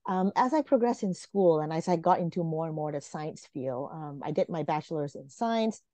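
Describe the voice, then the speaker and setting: Speaking from a room at home over a video call, this Malaysian woman in her forties has a low-pitched, mellow voice with lively intonation, moderate pace and no echo. She's an earnest guest in a casual interview, full of fillers and restarts, and her webcam gives the audio a dull, lo-fi quality.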